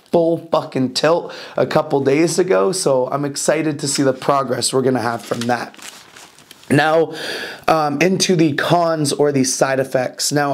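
A young man talking casually to camera as a fitness vlogger, blunt and swearing often, with lots of fillers. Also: on the high side.

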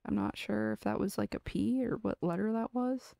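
A woman's voice: medium pitch, moderate pace, creaky, warm tone, no room sound, studio quality. A young woman streaming a game, chatting casually and rambling with lots of fillers. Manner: rambling, lots of likes and laughs. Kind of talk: casual gaming chat.

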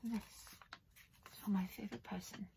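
A woman playing a whimsical, scatterbrained Mad Hatter in an ASMR roleplay, soft-spoken and often dropping into whispers. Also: medium pitch, fairly even intonation, moderate pace, gravelly, a little hiss or hum, close to an everyday voice. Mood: hushed, whimsical. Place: indoors at a craft table.

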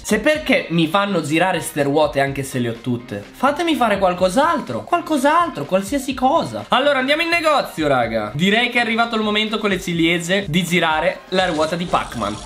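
A gaming YouTuber with an Italian accent gives casual gameplay commentary, speaking directly to his viewers. His voice sits high and a bit bright, and he comes across as chatty and exasperated.

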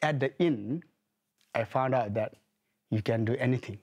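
A man's voice: medium pitch, normal speed, darkish tone. A man from Nepal with a Nepali accent, a guest in a TV news studio, speaking hesitantly with many fillers and restarts. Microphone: lapel mic.

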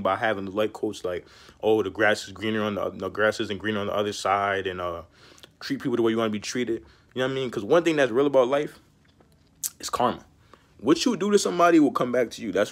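A young man talking casually to camera, rambling and slangy, giving street-style life advice and constantly saying "bro". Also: fairly low pitch. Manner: slangy and rambling, peppered with "bro" and "you know what I'm saying". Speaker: vlogger.

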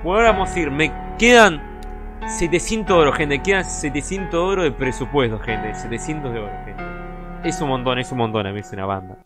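A young man with a Rioplatense Spanish accent, giving excitable, casual gameplay commentary as a streamer and talking straight to his chat. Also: mid-range voice, brisk, music in the background. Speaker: gaming streamer.

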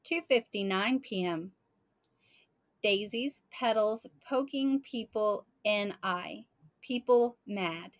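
Slow, deliberate woman reading aloud. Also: medium pitch. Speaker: storyteller. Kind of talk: reading a children's book aloud.

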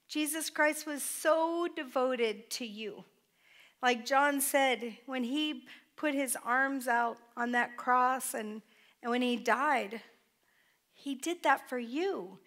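Middle-aged woman pastor, heartfelt sermon, unhurried delivery, slightly high voice, church hall, distant mic. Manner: heartfelt, tearful at times, with soft laughs. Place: church hall with a small stage.

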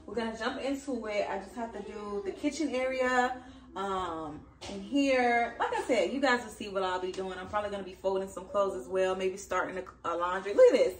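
A woman's voice: medium pitch, brisk, distant mic. A woman in her thirties, a working mom, chatting casually to camera from her home kitchen with lots of fillers. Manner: chatty, upbeat, frequent fillers. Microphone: camera across the room. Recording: echoey kitchen, voice from afar.

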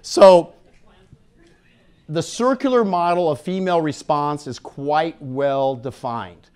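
This middle-aged conference speaker on sexual health has a smooth, darkish voice on the high side and takes his time. He jokes and chats frankly through an informal live lecture, handheld mic in hand, before a seated audience in an indoor conference room.

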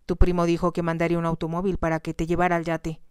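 Cold, curt aristocrat husband, voiced by a woman in whispered role-play; keep it low and smooth. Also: completely flat delivery, fast talker, a little mellow, no echo, studio quality, close to an everyday voice. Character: cold, commanding aristocratic husband called the devil.

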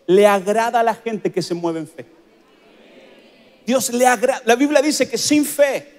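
A man's voice: very high voice, big-room sound. A man preaching a sermon as a pastor, emphatic, repeating phrases for stress.

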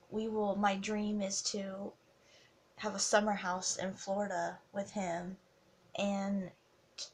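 Slow, tearful young woman vlogging. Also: medium pitch, husky. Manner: tearful, heartfelt, halting. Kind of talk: emotional confessional vlog.

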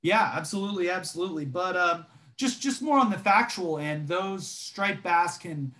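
A man's voice: high voice, moderate pace. A young man talks on a video call in a slightly raised voice. He rambles through his stories at an easy pace, sprinkling in ums and restarts. He sounds like a casual co-host. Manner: relaxed storytelling with frequent fillers. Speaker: podcast co-host. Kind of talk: casual chat.

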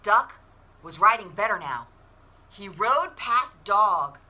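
A woman in her forties reading a picture book aloud to children in an expressive, deliberate storytelling way. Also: mid-range voice, a little hiss or hum. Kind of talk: animated children's read-aloud.

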